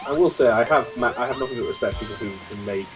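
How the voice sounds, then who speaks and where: A man co-hosting a game stream, chatting casually, thinking aloud with pauses and casual swearing. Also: medium pitch. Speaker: co-host on a live game stream. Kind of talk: casual chat over gameplay. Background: game music.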